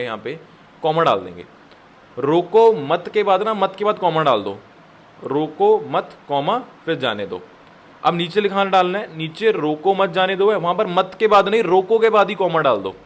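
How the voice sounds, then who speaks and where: A man's voice: on the high side, a bit bright. A man giving a motivational business talk, emphatic, repeating his key lines and mixing in English words. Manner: addresses viewers as guys. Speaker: network marketing business coach.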